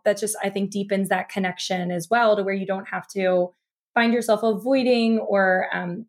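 Young woman host, reflective and chatty. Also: mid-range voice. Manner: reflective, thinks aloud with many fillers. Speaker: podcast host. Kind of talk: podcast interview.

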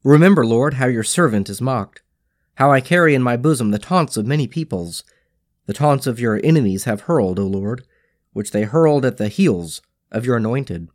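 A man recites psalms and prayer in a measured, solemn devotional reading. His voice rises and falls with lively pitch movement across each line. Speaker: podcast host reading scripture.

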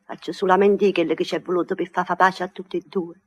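A woman's voice: lowish voice, level tone, fast talker, breathy edge, lo-fi sound. An actress playing a fierce, protective Neapolitan mother and wife in a 1950s radio play, scolding and insistent with a Neapolitan accent.

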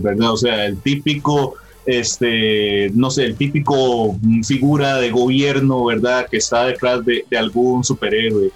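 A man's voice: medium pitch, husky. A man hosting a casual pop-culture chat, explaining at length with frequent tag questions and fillers. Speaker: podcast host.

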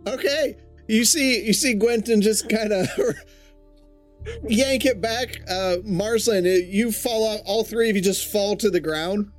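High-voiced man running a tabletop game. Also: a little slow, soft background music. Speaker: game master.

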